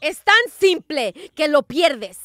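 A woman preaching a sermon as a prophetess, emphatic and rising to forceful declarations, who keeps asking the congregation whether they are with her. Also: high voice, expressive, slow, no room sound, studio quality.

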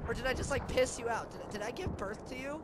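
A man hosting a gaming channel, chatting casually and joking with friends while playing. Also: extremely high pitch. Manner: joking, rambling, laughs often. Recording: noisy game voice chat.

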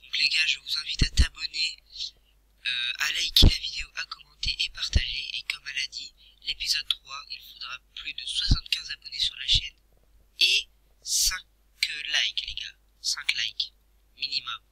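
Guy doing his youtube intro, breathy hushed voice, really bright tone. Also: fairly high pitch, moderate pace, no echo, low-quality recording. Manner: hushed, half-whispered, with many fillers and restarts. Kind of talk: casual vlog intro and outro.

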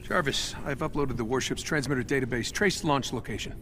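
Clipped, shrewd inventor hero. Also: male voice, medium pitch, a little fast, bright, forceful tone, slight background noise. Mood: brisk, focused. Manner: clipped, matter-of-fact. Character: brisk, shrewd middle-aged male inventor superhero. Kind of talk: cinematic video game acting. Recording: music under the voice.

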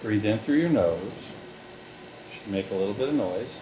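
Calm man guiding slow breathing. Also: on the low side, noisy background. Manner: slow, calm step-by-step directions with fillers. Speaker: relaxation group leader. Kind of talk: guided breathing instruction.

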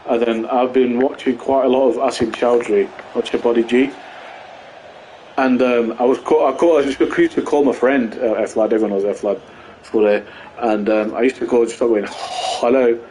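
Chatty gaming host. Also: male voice, mid-range voice, moderate pace, a little hiss or hum, rough recording. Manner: rambling, chatty, talks to viewers while playing; excitable bursts at goals. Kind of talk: live football game commentary.

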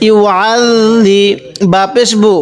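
A man with a Bangladeshi Bengali accent teaching Quran reading, spelling out each letter and vowel mark and then reciting the words slowly, asking his own questions and answering them. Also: sits high, level tone, faint music behind.

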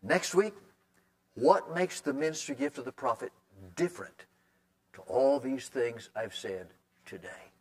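A man's voice: mid-range voice, measured pace, long pauses. A middle-aged male pastor preaching a sermon in a conversational, folksy way, hammering points home with repeated words.

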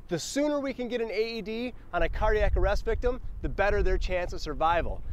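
An American CPR and first aid instructor in his forties gives an emphatic, step-by-step demonstration on a roadside sidewalk. His high-sitting voice is animated and fairly quick, and the audio is dull with slight background noise.

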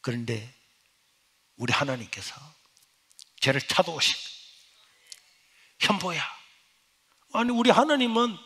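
A middle-aged male pastor, giving an emotional sermon testimony that swings from hushed to loud. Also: on the high side, big pitch swings, normal speed, long pauses, breathy edge.

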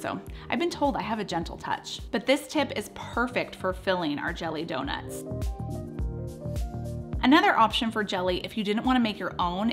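A woman in her thirties with a mid-range, fairly bright voice hosts a cooking channel. Recording in her home kitchen, she walks through recipe steps upbeat, tossing in playful asides.

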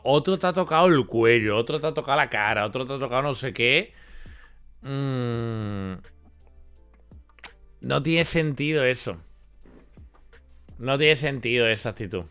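A man's voice: mid-range voice, normal speed, long pauses, pushed and bright, clear, resonant tone, faint music behind. A man hosting a reaction stream, commenting incredulously and repeating his points for emphasis. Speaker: host reacting to a clip.

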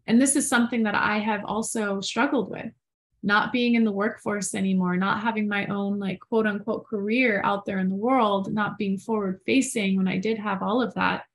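A woman's voice: medium pitch, steady tone, moderate pace, gravelly. A woman in her thirties co-hosting a live stream from home, speaking earnestly with many fillers and reading viewer comments aloud. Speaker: podcast co-host. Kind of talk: live-streamed casual talk.

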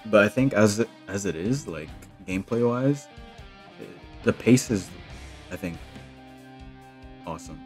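A young man with a fairly low voice chats through his gameplay. He rambles and thinks aloud casually, with some music behind him. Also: animated, unhurried, pauses often, a little mellow. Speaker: gaming commentator.

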